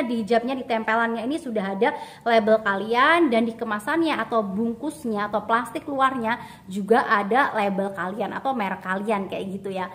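A woman's voice: on the high side, a bit bright. A young woman in her twenties from Indonesia, hosting an online-selling tutorial in a casual, chatty way and answering her own questions, recorded indoors on a camera mic. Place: indoor home studio with shelves and flowers.

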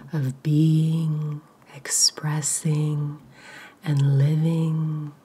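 Woman meditation guide, whispered throughout, low and mellow, very slow delivery. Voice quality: whispering, breathy. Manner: soft, slow, soothing pauses.

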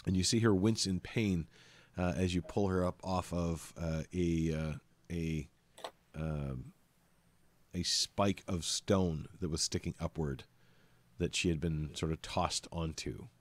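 A man with a very deep, low voice runs a tabletop game as its narrator. He describes each scene in a halting way, stopping often on "uh" and "um" while he searches for the next detail. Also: steady tone. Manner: hesitant, many ums and uhs while describing scenes. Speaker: game master.

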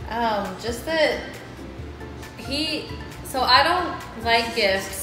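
A woman in her thirties answering fan questions in a hesitant, soft-spoken way, often pausing on um. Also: a little high, expressive. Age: 30s. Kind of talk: casual Q&A chat. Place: small indoor room at a table. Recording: echoey room with music behind.

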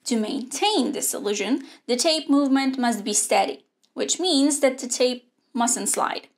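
Slow-talking young woman teaching robotics. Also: high voice, lively intonation. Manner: clear, measured explaining with hand gestures. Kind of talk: scripted online lesson. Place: indoor studio with a grey backdrop.

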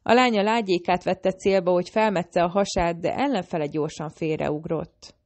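A woman narrating an audiobook in a steady, measured storytelling manner. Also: on the low side.

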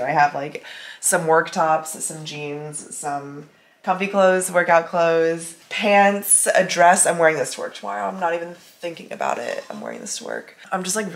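A chatty young woman with a slightly low voice talks to camera in a casual lifestyle vlog, gushing and sprinkling in fillers. She's in her apartment, and its half-empty rooms give her voice a roomy echo.

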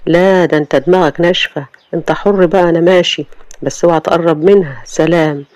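A woman's voice: lowish voice, steady tone, fast, darkish tone, no room sound, natural voice. Storybook friend, young Egyptian doctor, blunt and frank, read by a woman. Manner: blunt, reasoning.

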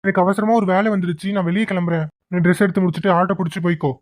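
An impatient young man in a cartoon, voiced by a woman. He speaks curtly and fast in a lowish voice. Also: fairly even intonation, natural voice. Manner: curt, irritated. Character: young man, impatient with cousin, doting on girlfriend.

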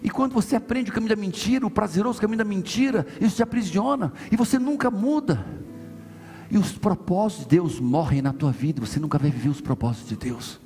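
Man, pastor, very high voice, emphatic repetition, live sermon, reverberant church hall. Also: fast talker, darkish tone, faint music behind. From Brazil. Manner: emphatic, repeats phrases, calls for congregation response. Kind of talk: impassioned conference sermon.

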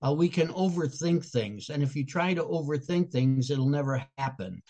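With a dark tone, lively intonation and a voice on the high side, an older comedian and guest speaker from Chicago earnestly explains his answers in an interview at normal speed. He carries a Chicago accent and sometimes restarts his phrases.

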